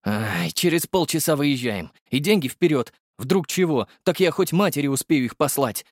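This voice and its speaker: A man voicing a jittery, cautious young male driver who haggles excitedly. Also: a little high, moderate pace, dry recording, studio quality, pitched above the performer's own voice. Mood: agitated.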